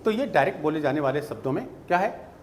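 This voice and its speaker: Guy teaching english, slow and patient, bit high voice, faint noise behind. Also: expressive. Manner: slow, patient explaining with checks like "theek hai?". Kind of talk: spoken English lesson.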